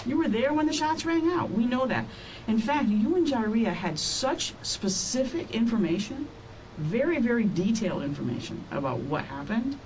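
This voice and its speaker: A woman's voice: a little high, big pitch swings, moderate pace, darkish tone. A woman police detective conducting an interrogation, firm and pressing, repeating her key points. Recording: distant interview-room mic with faint noise.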